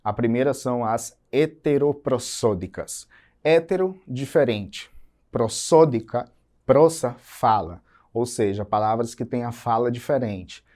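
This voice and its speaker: Man, teacher, recorded lesson, warm mellow tone, patient explanations, slow repeated example words. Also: medium pitch. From Brazil.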